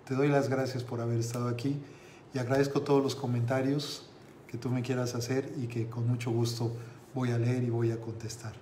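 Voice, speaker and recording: A man, a motivational coach telling a story and speaking directly to his viewers with slow pauses. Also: medium pitch, little pitch movement, mellow, a little hiss or hum. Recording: roomy with faint ambience.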